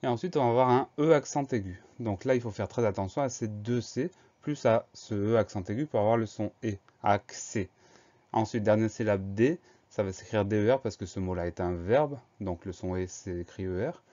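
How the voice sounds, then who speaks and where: A man's voice: fairly low pitch, normal speed, mellow. A man teaching a spelling lesson, patiently explaining each word step by step and spelling it out letter by letter. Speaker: primary school spelling teacher. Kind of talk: slow, methodical spelling lesson. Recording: slightly dull lo-fi recording.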